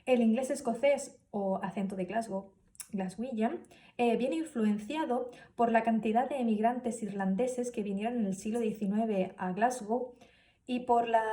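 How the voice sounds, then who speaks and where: A woman's voice: on the high side, dark tone, recorded from a distance. A woman giving a spoken class presentation, hesitant, with many fillers and restarts. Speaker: student presenter.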